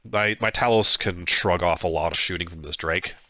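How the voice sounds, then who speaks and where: With a stuffed-up, nasal voice from a flu he is getting over, this man narrates his own tabletop battle play-by-play, casually thinking aloud and stumbling over fillers. His voice sits low, pushed and bright, at a moderate pace, and there is no room sound.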